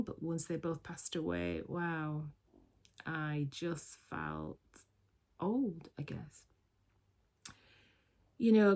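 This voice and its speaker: Low-voiced and darkish in tone, this British vlogger in her sixties talks to the camera in a relaxed, thoughtful way, stumbling through fillers and starting sentences over.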